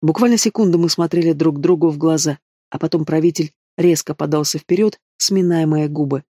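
A man reading a fantasy romance audiobook in first person, in an even, expressive way. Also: on the high side, fairly quick, no room sound, clean studio sound. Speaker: audiobook reader. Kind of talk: first-person novel narration.

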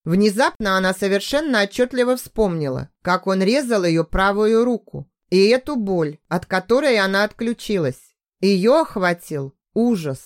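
A woman narrating a dark audiobook in a steady, even storytelling voice. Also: medium pitch, moderate pace.

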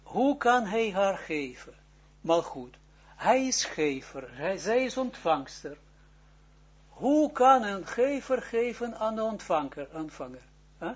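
A rabbi gives a lecture in a husky, slightly high voice, captured on a dull, lo-fi recording. He speaks haltingly, restarting phrases and searching for words. He keeps checking whether it is clear and pushes his points with rhetorical questions. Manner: rhetorical questions, rising into emphatic bursts. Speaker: rabbi teaching Kabbalah.

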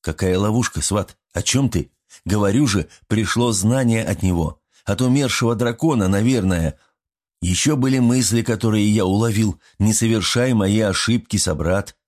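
A man's voice: fairly low pitch, moderate pace, a little mellow, pitched above the performer's own voice, close to an everyday voice. A man voicing a young male hero who answers earnestly and defensively in an audiobook. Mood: explaining. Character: young male hero, puzzled but stubborn. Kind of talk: audiobook character voice.

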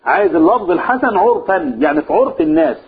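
A man's voice: high voice, animated, quick pace. A man with an Egyptian accent explains a religious text to a class. He often stops to ask his listeners questions and repeats key phrases. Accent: Egyptian Arabic. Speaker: religious teacher. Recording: tinny phone-like, husky sound.

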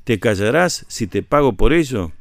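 A man's voice: mid-range voice, expressive, moderate pace, vocal fry, no room sound, studio quality. A man reading a tale aloud, voicing a nervous male thief who tries to buy silence.

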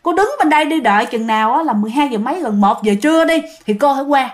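A woman's voice: high-pitched, expressive, fast. A woman playing an urgent pleading old man.

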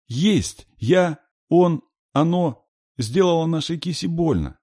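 A male reader voicing a frightened little girl who squeaks and sniffles. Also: expressive, slow pace, a little mellow, no room sound, clean studio sound.

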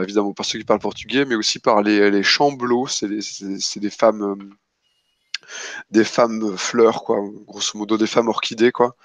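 A man improvising narration as a tabletop game master, casual and halting, often repeating words as he goes. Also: medium pitch, a bit bright, dry recording.

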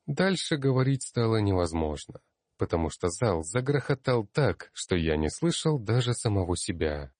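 A man's voice: lowish voice, sing-song, moderate pace, a little mellow, no echo, clean studio sound. A man narrating a fantasy audiobook in the first person, reading expressively with emphasis.

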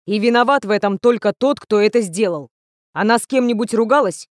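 A woman's voice: medium pitch, fairly quick, dry recording, lightly acted. A tired, grim male teacher in an audiobook, curt and commanding, as a woman reader puts him on. He speaks firmly and gives orders. The recording is dry and close. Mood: stern. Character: weary stern middle-aged male teacher.

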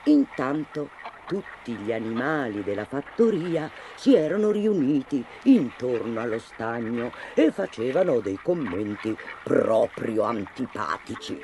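A man reading a children's fairy tale with an expressive, dramatic storybook delivery. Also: mid-range voice, measured pace, a little hiss or hum.

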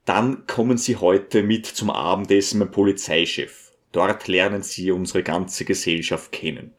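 A man's voice: deep voice, steady tone, unhurried, pitched below the performer's own voice. A man voicing an eager, vain provincial schoolteacher who sometimes stammers.

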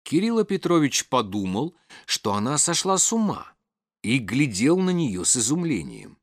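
Brief: male audiobook reader, measured literary narration, expressive intonation. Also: medium pitch, dry recording, studio quality. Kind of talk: scripted narration of a classic novel.

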